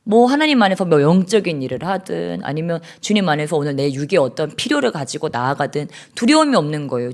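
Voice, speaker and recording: Woman pastor preaching, soft to shouting. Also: mid-range voice. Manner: swings from hushed to shouting praise. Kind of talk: sermon. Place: church.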